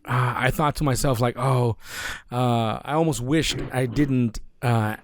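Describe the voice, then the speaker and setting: Male host of middle pitch asking rambling, hesitant interview questions. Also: fairly even intonation, measured pace, noisy background. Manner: hesitant, many uh and um fillers. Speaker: podcast host.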